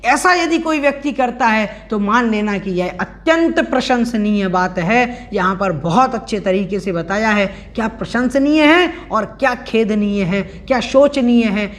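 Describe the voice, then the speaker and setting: A man teaching an online scripture class, explaining verses word by word and chanting them slowly. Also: high-pitched, a bit bright. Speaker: religious teacher.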